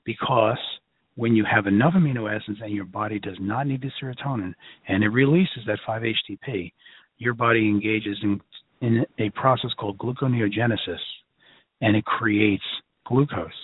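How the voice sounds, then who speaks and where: A man's voice: fairly low pitch, husky, dry recording. A man with a Brooklyn accent giving an informal, emphatic lecture to a class in a conversational, folksy way. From Brooklyn, New York. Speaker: lecturer, health educator. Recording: narrow phone-like line.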